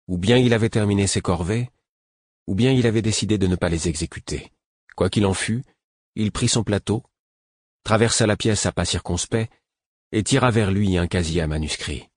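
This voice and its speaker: A man reading a novel aloud as an audiobook narrator, in a measured, even way. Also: low voice, dry recording, clean studio sound. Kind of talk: scripted narration.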